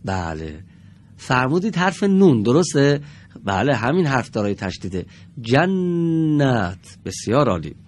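In a studio, a man teaches a televised reading lesson to children, patiently sounding out every word slowly for his pupils. His voice sits at medium pitch but swings widely up and down.

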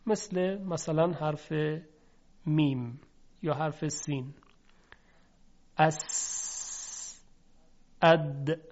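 A man's voice: on the high side, a little mellow. A male teacher giving a recitation lesson, patiently explaining and sounding out letters to demonstrate. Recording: dull lo-fi recording.

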